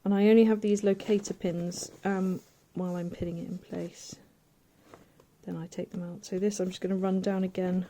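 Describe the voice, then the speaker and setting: A woman giving a casual hands-on sewing demonstration, chatty and thinking aloud as she pins fabric, with soft asides. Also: fairly low pitch, level tone, moderate pace, a little hiss or hum. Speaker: quilting tutor.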